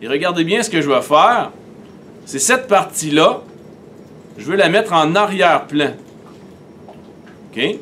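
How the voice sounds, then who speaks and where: A man with a Québécois accent, teaching a software tutorial and talking methodically through each step on screen. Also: fairly high pitch, expressive, a little slow, pauses often, a little hiss or hum.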